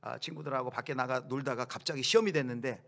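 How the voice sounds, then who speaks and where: A man preaching a sermon as pastor, shifting from quiet explanation to loud acted-out outbursts. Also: medium pitch, fast, gravelly.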